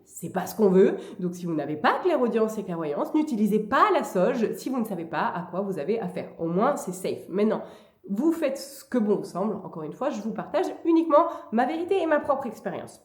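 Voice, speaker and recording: A woman talking casually and hesitantly in a vlog, with frequent pauses as she gives advice. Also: mid-range voice, very animated. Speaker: vlogger. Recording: echoey room.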